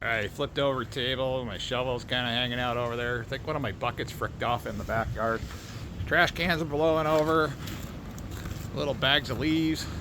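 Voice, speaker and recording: Man, casual folksy vlogger, rambling talk, voice distant from mic, loud vehicle and outdoor noise. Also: mid-range voice. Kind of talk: casual vlog narration.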